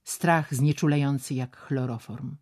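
A woman narrating a literary novel aloud in a dramatic, expressive way. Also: rumbling low, a little slow. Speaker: audiobook narrator.

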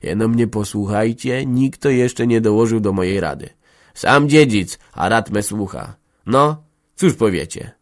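A man reading an audiobook, voicing a sly village headman who coaxes in a slow, confiding way. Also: lowish voice, lively intonation. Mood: coaxing. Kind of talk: audiobook character voice.

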